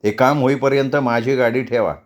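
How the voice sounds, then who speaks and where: A man's voice: mid-range voice, steady tone, normal speed, natural voice. A man voicing a harassed, cornered man, restrained and pleading.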